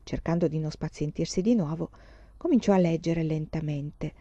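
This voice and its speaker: A woman reading a novel aloud in a slow, calm, expressive way. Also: sits low, no echo, muffled recording. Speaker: audiobook reader. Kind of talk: scripted narration.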